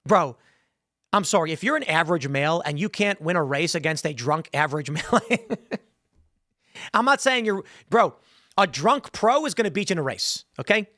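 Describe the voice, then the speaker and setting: A man's voice: a little high, expressive, moderate pace, bright, forceful tone, no room sound, clean studio sound. A man hosting a podcast, telling stories in a rambling, emphatic casual monologue full of fillers. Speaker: podcast host.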